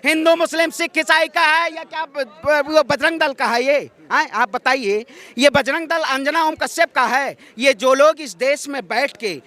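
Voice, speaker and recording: A male activist from Ayodhya in north India gives a combative street speech in a very high, bright voice, a little slow and with few pauses. At an outdoor protest site, this impassioned political interview is declamatory and full of rhetorical questions.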